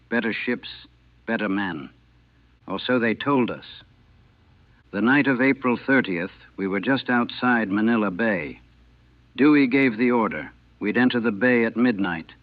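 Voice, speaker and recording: A man's voice: on the low side, no room sound. A man in his sixties, a navy veteran, recalling a battle in a plain, matter-of-fact way on an old 1940 recording. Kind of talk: first-person war reminiscence. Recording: thin, dry, phone-like old recording.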